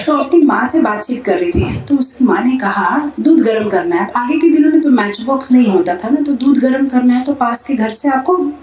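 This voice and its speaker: Woman telling a temple story, lively and chuckly, mellow higher voice, roomy hall from far off. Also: normal speed, hardly any pauses, slight background noise. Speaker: devotional speaker. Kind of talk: devotional storytelling talk. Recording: roomy hall sound from a distance.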